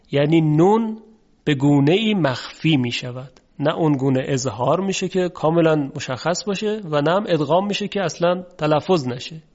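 A man teaching a recorded recitation lesson, formal and polite, who explains patiently and stretches sounds out slowly to show them. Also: on the high side, a little mellow, highs cut off.

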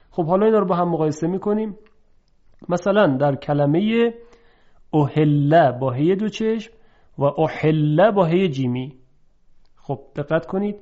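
A man teaching a pronunciation lesson, explaining methodically and drawing out example words slowly. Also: fairly high pitch, warm tone. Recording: dull lo-fi recording.

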